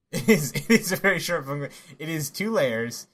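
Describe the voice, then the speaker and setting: Halting male podcast co-host. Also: on the high side, lively intonation, a bit bright. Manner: halting, with many restarts and laughs. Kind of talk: casual chat.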